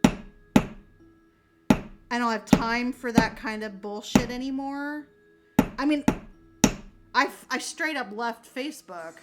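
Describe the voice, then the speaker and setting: A middle-aged woman chatting casually as she works on a craft, candid and quick to swear, laughing often and correcting herself mid-sentence. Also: fairly high pitch, loud music behind the voice. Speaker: crafter chatting while working. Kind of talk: casual chat.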